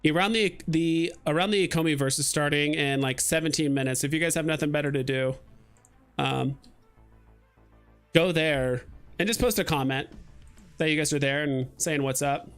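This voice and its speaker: A young man chats casually to his livestream viewers, rambling and dropping frequent fillers. His voice sits a little high for a man. Faint music plays underneath. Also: normal speed, long pauses, clean tone. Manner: rambling, relaxed, lots of fillers like "like" and "um". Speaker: livestream host.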